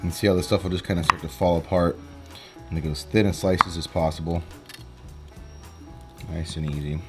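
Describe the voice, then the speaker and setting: A man's voice: low-pitched, steady tone, a little fast, over loud music. A young man hosting a casual cooking vlog in a houseboat kitchen, talking in a chatty, rambling way with restarts, recorded on a close camera mic. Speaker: fishing vlogger.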